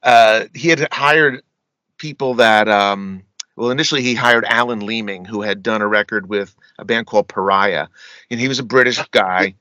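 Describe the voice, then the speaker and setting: A middle-aged metal singer, appearing as an interview guest, tells rambling stories, often asking "you know what I mean" and laughing between anecdotes. His voice is lowish, pushed and bright, at a moderate pace, and the audio is poor, though without echo.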